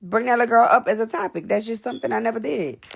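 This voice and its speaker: A woman's voice: on the high side, fast, creaky, a little hiss or hum. A young woman talking casually and bluntly to livestream viewers. She swears, repeats herself, and sounds out of breath. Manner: blunt, repetitive, profane. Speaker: livestream host.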